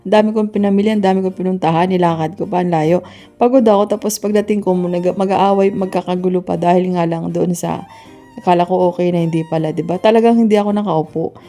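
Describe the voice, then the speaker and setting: A woman who works as a domestic helper tells a story in a casual vlog, with a naturally loud voice. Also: on the low side, fairly even intonation, fast, faint music behind.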